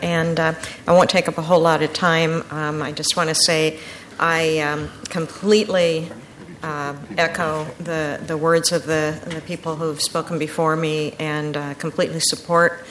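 A woman gives public testimony in a hesitant, measured way with frequent pauses. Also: sits low, fairly bright tone. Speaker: citizen giving public testimony. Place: public meeting room. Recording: faint background room noise.

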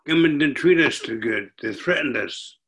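An older man, a storyteller and poet, telling his story and then reading his poems in a slow, measured, deliberate way. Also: a little high, expressive, a bit bright, slight background noise, low-quality recording.

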